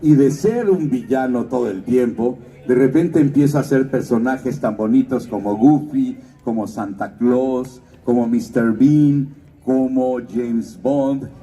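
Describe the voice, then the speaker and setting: A voice actor talks to an expo crowd and tells stories, slipping into character voices as he goes. His tone is mellow and a little dark, and he sounds somewhat distant from the microphone. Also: medium pitch, unhurried. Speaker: voice actor and announcer. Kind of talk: stage talk at a fan expo.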